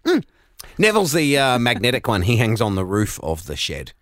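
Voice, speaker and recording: A man's voice: medium pitch, huge pitch swings, normal speed, no echo, clean studio sound. A man co-hosting a podcast, telling jokey stories in a casual chat and laughing at them. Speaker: podcast co-host.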